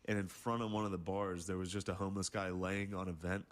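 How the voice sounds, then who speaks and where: A man telling crude stories in casual chat, with deadpan jokes. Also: deep voice, quick pace. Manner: crude, deadpan joking storyteller.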